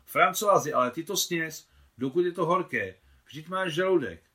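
A fussy, excitable woman fusses loudly about the lunch, as a man reading a novel puts her on. Her voice is raised high and sharp. It is a storybook reading. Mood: insistent.

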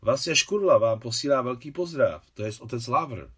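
A man's voice: mid-range voice, expressive, fairly bright tone, husky. A man voicing a jovial, modest young father and scientist in an audiobook.

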